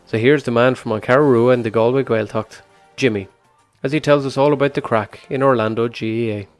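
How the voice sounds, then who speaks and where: A man's voice: medium pitch, fairly even intonation, a little fast, soft background music. An Irish man reading a scripted introduction as the host of a show. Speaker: podcast host. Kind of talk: scripted narration.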